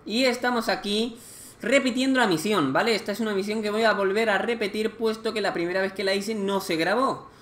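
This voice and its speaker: A man with an accent from Spain, casually commenting on a game he plays, chatty and excitable with lots of slang. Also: high voice, fairly quick, reverberant. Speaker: gameplay commentator.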